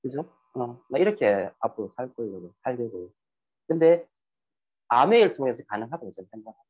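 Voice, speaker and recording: A man's voice: medium pitch, a little fast, husky. A man giving a motivational seminar talk who keeps asking his audience questions. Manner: lively, asks the audience questions. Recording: muffled lo-fi recording.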